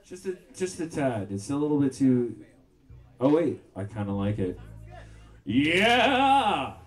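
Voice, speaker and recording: A man's voice: medium pitch, very animated, takes it slowly, soft background music. A man doing a casual soundcheck on a live stage, his voice run through a heavy echo effect on the vocal mic. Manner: easygoing, politely asking the sound man. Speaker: band singer at a soundcheck.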